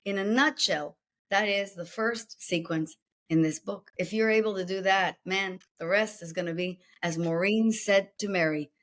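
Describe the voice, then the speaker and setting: A woman with an Israeli accent, a guest executive coach being interviewed, speaks with a medium-pitched voice at a moderate pace. She explains her method through rhetorical questions and listed steps.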